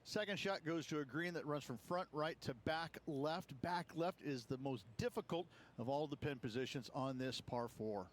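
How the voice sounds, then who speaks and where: A man's voice: on the high side, normal speed, hardly any pauses, a little hiss or hum, natural voice. A man playing a knowledgeable golf commentator, analysing the course for a video game broadcast. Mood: matter-of-fact.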